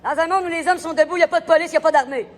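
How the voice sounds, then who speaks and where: A man with a Québécois accent, livestreaming a loud, provocative, rambling monologue in a public place and switching between French and English. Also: very high-pitched, steady tone, racing, some chatter behind. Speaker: live vlogger.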